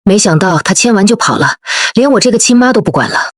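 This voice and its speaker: A woman's voice: mid-range voice, animated, fast talker, husky, no echo, studio quality. A woman reading as a defensive, tearful old mother. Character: older mother, biased and self-pitying.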